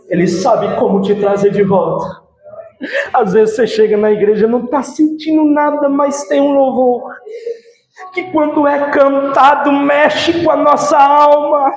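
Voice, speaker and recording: A man preaching an emotional sermon in a church, swinging between shouts and hushed pleading. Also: very high voice, vocal fry, echoey room. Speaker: evangelist preacher.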